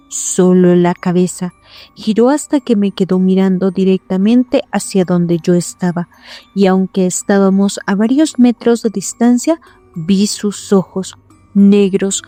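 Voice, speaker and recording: A woman giving a scripted, measured first-person horror narration at a suspenseful pace. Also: medium pitch, warm tone, dry recording. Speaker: storyteller.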